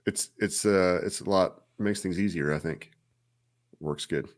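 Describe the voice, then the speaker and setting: Laid back guy co-hosting a live stream, low voice, agrees a lot and chuckles. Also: measured pace. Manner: easygoing and agreeable, chuckling often. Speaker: co-host of a soda review show. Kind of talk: casual live chat.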